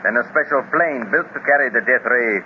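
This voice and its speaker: A pompous mastermind villain, as a man performs him, lays out his plans in a slow, gloating voice. It is a 1930s radio serial. The recording sounds muffled and carries a steady hiss. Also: medium pitch, natural voice. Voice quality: slow, measured, gloating delivery. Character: scheming male master villain, pompous and menacing. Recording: hissy, dull 1930s radio transcription.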